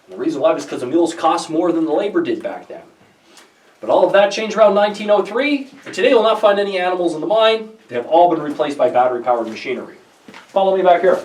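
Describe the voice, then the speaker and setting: Lively, high-voiced man guiding a mine tour. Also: fast, far from the mic. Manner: lively, plain step-by-step explaining with gentle jokes. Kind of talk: guided tour explanation. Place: underground coal mine tunnel. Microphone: visitor's handheld camera from a few steps away. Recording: echoey mine tunnel, voice from off-mic.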